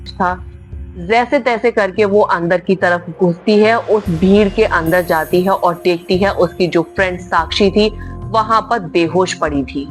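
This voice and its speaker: A woman narrates a spooky horror story dramatically and emphatically, repeatedly saying "very much" to stress how scary things were. Her voice is lowish and a little slow, with faint music in the background.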